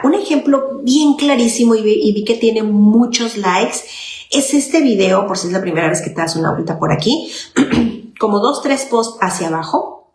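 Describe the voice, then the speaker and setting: Psicóloga mexicana que explica con calma, sala con eco. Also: female voice, mid-range voice. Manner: explanatory, often checks in with "¿ok?". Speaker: child psychologist. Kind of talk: informal parenting talk. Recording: echoey room with faint noise.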